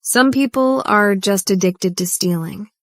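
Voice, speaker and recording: A woman's voice: medium pitch, unhurried, fairly bright tone, no echo, lightly acted. A woman dubbing a defiant young heroine who answers her family with cutting remarks, recorded dry in a studio. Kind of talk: English drama dub.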